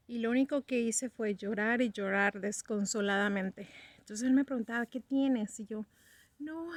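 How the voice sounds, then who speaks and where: A woman's voice: fairly high pitch, dry recording. Earnest woman in her fifties, dry sound. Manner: earnest, acts out remembered dialogue. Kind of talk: personal religious testimony.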